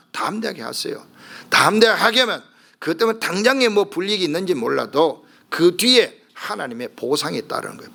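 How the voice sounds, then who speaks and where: Vocal fry colors this middle-aged man's fairly high voice as he preaches animatedly as a pastor, acting out the blind man's cries from his story.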